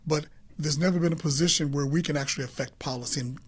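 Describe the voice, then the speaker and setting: Older male interview guest; fairly high voice, rambling and self-correcting. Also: fast talker, breathy edge. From Chicago, South Side. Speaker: guest, city LGBTQ+ affairs director. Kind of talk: casual interview talk.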